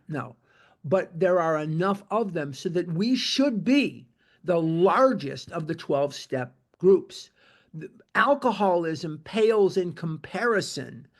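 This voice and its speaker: A seventy-year-old man leads a recovery meeting in a high-pitched voice with a gravelly edge. He speaks earnestly and circles back to repeat his points for emphasis. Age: 70s. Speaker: meeting leader.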